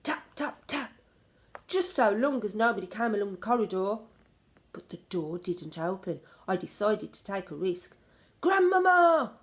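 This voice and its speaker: Narrating expressively, a female storybook reader reads a children's story aloud. Her voice is medium in pitch and moves at a normal speed.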